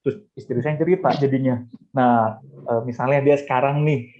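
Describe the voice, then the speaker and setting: A man's voice: mid-range voice, fairly even intonation, normal speed, warm tone. Middle-aged man telling stories in a webinar. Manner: storytelling, often addressing listeners directly. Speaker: church counselor and guest speaker. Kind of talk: webinar talk answering a question. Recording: dull lo-fi webinar audio.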